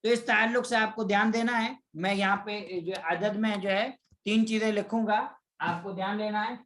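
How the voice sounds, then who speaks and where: A man's voice: high voice, steady tone, fairly bright tone. Man, Arabic teacher, online lesson, repeats each term, drawls example words, roomy echo. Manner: asks the class questions and answers them himself; repeats terms, stretches example words slowly.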